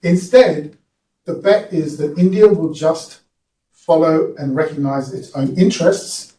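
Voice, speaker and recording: Professor answering questions in a roomy hall. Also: male voice, on the high side, warm tone, slight background noise. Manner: conversational, peppered with "you know" and "right?". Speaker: guest speaker, professor. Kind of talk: public lecture Q&A answer. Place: lecture hall at a public event. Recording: roomy hall, picked up from a distance.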